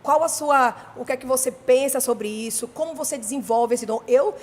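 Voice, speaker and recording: A woman's voice: high voice, normal speed, darkish tone, big-room sound. A woman with a Brazilian Portuguese accent hosting a podcast interview, speaking reflectively and affirming her guest often. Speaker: podcast host. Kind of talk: casual interview.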